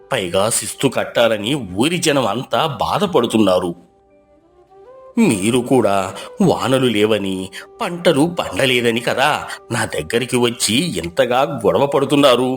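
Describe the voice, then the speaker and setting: A man voicing an elderly, hard-of-hearing village headman in a storybook tale, speaking slowly and deliberately in a low voice. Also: close to an everyday voice. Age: older. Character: elderly deaf male village headman, slow and worried. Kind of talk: storybook voice acting.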